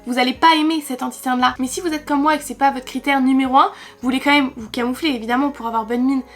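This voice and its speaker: A woman's voice: sits high, steady tone, fast. A young woman from France reviewing makeup in a chatty, enthusiastic vlog, talking straight to her viewers. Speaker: beauty vlogger.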